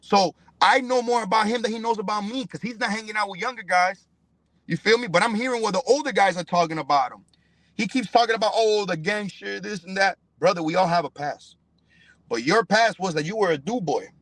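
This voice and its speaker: High-pitched, a little fast and fairly bright, this young man from Cuba is a fighter being interviewed as a podcast guest. The audio is poor but echo-free, and he speaks emphatically and profanely, peppering his slang with "bro" and "you know what I'm saying."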